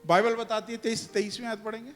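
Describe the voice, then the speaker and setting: A man's voice: high-pitched, little pitch movement, quick pace, a bit bright. A male pastor preaching a sermon to his congregation, asking it questions and driving his points home. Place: church hall. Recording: church hall reverb with music behind.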